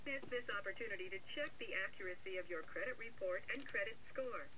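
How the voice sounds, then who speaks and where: A woman's voice: mid-range voice, expressive, quick pace, a crowd in the background. A woman speaking as a recorded phone message, giving polite scripted prompts for an automated phone system. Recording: dull phone line.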